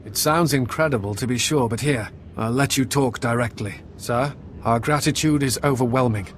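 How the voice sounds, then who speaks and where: An actor playing an earnest, deferential military commander in a video game, polite and formal. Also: male voice, mid-range voice, normal speed, slight background noise, lightly acted. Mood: grateful.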